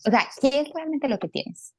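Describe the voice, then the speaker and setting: Woman, podcast co-host, animated storyteller, acts out quotes, slightly high voice. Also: normal speed. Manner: animated, tells personal stories, acts out quotes. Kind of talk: casual podcast discussion.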